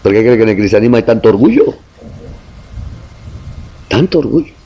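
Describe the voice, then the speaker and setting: A man's voice: on the low side, big pitch swings, brisk, dark tone, lo-fi sound. A man preaching a sermon in Spanish, impassioned, building emphatic lists and calling his listeners brother.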